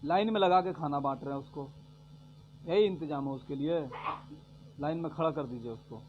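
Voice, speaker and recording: Guy ranting sarcastic about politics, kinda high voice, dull lo-fi audio w faint hum. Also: moderate pace. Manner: sarcastic, repetitive, swings from loud to muttering. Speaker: vlogger giving political commentary.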